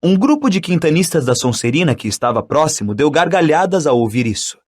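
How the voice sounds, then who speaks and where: A man narrating an audiobook in an expressive, dramatic reading style. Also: on the high side, fairly quick, a little hiss or hum.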